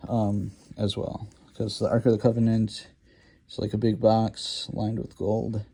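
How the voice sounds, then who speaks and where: Gravelly, hesitant man giving a lecture. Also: lowish voice, completely flat delivery, a little slow, warm tone. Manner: hesitant, many ums and restarts. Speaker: lecture host. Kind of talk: rambling informal lecture while drawing.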